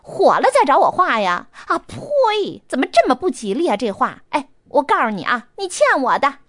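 Lady doing a campy makeup artist guy, shrill and huffy, jumps way up high. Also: very animated, normal speed, no room sound, clean studio sound. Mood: outraged. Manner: shrill, camp and indignant. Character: flamboyant, touchy male makeup artist.

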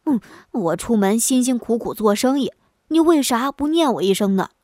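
Woman doing a quick-tempered peddler, grumbling and loud, higher than her narration. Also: lively intonation, no room sound, clean studio sound. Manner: blustering, complaining. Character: hot-headed grumbling male pot peddler.

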